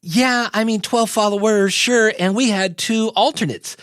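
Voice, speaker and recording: A man's voice: sits high, measured pace, fairly bright tone, dry recording, studio quality. A man playing an easygoing modern Jesus as a podcast guest, chatting casually and a little hesitantly about branding in a comedy interview. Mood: matter-of-fact. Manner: hesitant, folksy, conversational.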